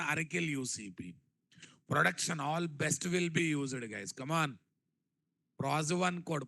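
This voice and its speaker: A man's voice: a little high, pushed and bright, dry recording. A man with a Telugu Indian accent teaching a technical class, repeating phrases and quizzing his listeners with rhetorical questions. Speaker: programming instructor. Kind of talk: live classroom-style technical lecture.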